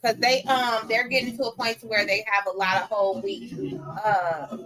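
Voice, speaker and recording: A middle-aged woman, telling stories in animated, slangy casual chat with plenty of laughs. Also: mid-range voice, normal speed, over music, poor audio. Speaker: interviewee.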